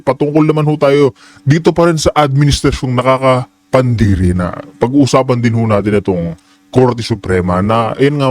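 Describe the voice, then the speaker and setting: Heated political commentary host, man. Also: mid-range voice. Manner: heated, addresses viewers as "mga ka-update", polite "ho".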